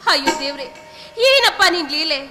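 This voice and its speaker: A woman's voice: high-pitched, very animated, fairly quick, sharp tone, full character voice. A woman acting a caring young woman who is a loyal college friend, speaking in an earnest, pleading theatrical way on a village stage. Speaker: stage actor. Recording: echoey live stage with music.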